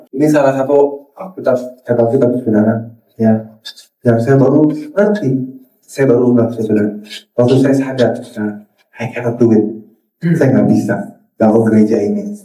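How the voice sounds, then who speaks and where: A man preaching a lively sermon, mixing in English phrases and acting out quoted dialogue with sudden high-pitched jumps. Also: normal speed, pauses often. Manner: mixes English phrases into Indonesian, addresses the crowd as saudara. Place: church hall. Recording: echoey church hall from far off.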